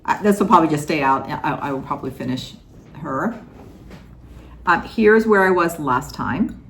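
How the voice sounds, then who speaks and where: Lively, giggly older woman. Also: sits low, moderate pace. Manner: lively, giggly, asks questions. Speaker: co-host. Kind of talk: casual craft chat.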